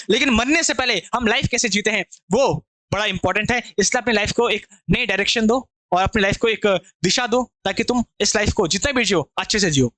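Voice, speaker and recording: High-voiced, bright male teacher. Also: dry recording. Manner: chatty, repetitive, asks students if they understood. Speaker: English teacher. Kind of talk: online vocabulary lesson.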